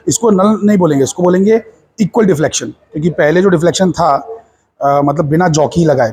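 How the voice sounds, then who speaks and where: Man, Indian accent, physics lab teacher, step-by-step explaining, mellow dark tone. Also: a little high, husky. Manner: explains step by step, with frequent checks like "is it not?". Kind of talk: hands-on lab demonstration.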